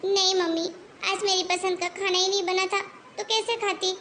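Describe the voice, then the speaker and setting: A woman's voice: very high-pitched, flat delivery, normal speed, pushed and bright, a little hiss or hum. A woman voicing a spoiled young married daughter in a cartoon, whining about her in-laws. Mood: chatty.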